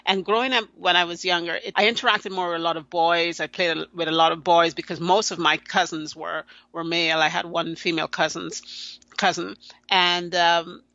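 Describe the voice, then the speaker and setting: A Guyanese woman appears as a podcast guest in a conversational interview, her lowish voice steady, pushed and bright. She talks earnestly but haltingly, restarting sentences often. The recording is muffled with no room sound.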